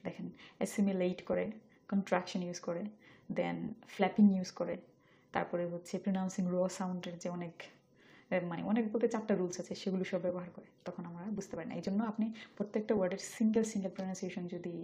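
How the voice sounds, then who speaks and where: A woman teaching English pronunciation, saying each word slowly twice and then explaining it. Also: fairly low pitch, fairly even intonation, vocal fry, warm tone. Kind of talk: spoken language lesson.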